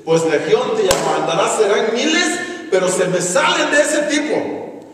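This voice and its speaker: A calm, commanding holy teacher, put on by a preacher, speaks in a low, hushed voice. A long hall echo and a distant mic surround him. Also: male voice, unhurried, background noise. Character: calm, authoritative male teacher, hushing and firm. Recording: echoey church hall from far off.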